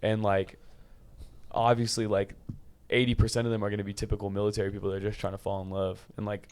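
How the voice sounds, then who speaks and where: A man's voice: lowish voice, little pitch movement, fast, a little mellow, smooth. A twenty-year-old man from California, a podcast guest talking in loose, casual chat full of restarts and filler. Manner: loose, filler-heavy talk with many restarts and "bro".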